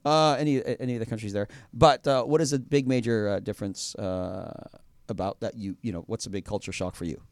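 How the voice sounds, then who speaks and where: A man hosts a radio show from a studio, chatting casually and rambling with lots of fillers and restarts. His voice sits on the low side, with a steady tone and a brisk pace, and there is no room sound.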